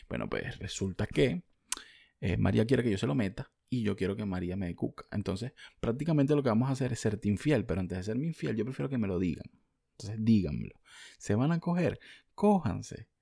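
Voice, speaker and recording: Profane Venezuelan man, gravelly. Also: medium pitch, mellow, no room sound, clean studio sound. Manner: blunt, profane, ranting. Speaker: vlogger. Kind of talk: casual monologue answering viewer comments.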